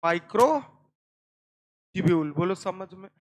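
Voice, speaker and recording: This man's voice sits high, with lively intonation at a normal speed. Teaching biology to a classroom, he repeats terms, constantly checks whether students followed, fires repeated questions at them, and addresses them as "beta."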